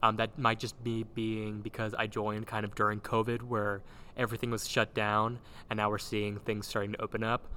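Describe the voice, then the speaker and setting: A man's voice: lowish voice, completely flat delivery, moderate pace, bright, forceful tone. A man hosting a casual chat, talking with many ums and restarts, recorded in a big echoey old gym with no soundproofing. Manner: rambling, full of ums and restarts. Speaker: podcast host, theater director. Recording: roomy hall echo, faint background hum.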